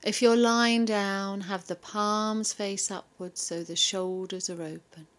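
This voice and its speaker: A woman leads a yoga and relaxation class in a soft, soothing voice. She speaks extremely slowly, leaving long pauses between each calm instruction. Her voice sits at a middle pitch. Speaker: yoga teacher.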